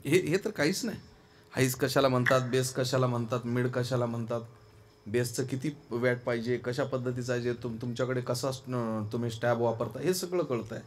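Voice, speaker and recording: A man preaching a devotional kirtan sermon from a festival stage into a microphone, moving between quiet asides and loud, fervent exclamations. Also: medium pitch. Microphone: stage microphone through a sound system.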